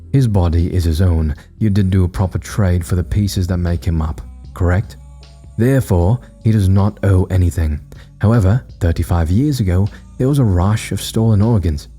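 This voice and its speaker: A man voicing a composed, intimidating king in a horror story reading, formal and measured. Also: low voice, dark tone.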